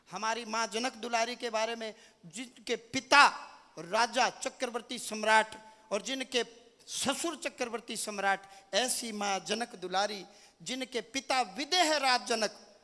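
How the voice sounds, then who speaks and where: Haryanvi preacher, man, very high and bright voice, fervent declamatory delivery, long hall reverb. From India. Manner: fervent, declamatory, rising to loud peaks. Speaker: religious leader. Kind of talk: impassioned religious speech. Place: hall at a gathering.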